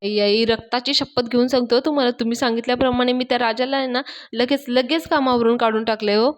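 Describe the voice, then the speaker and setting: A woman's voice: a little high, steady tone, quick pace, natural voice. A woman voicing a nervous, flustered older man who speaks in an anxious, stammering, pleading way.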